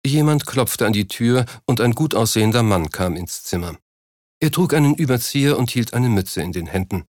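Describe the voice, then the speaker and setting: A man reading a novel aloud as audiobook narrator, in a steady, even storytelling manner. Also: medium pitch, moderate pace, no echo, clean studio sound. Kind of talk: scripted narration.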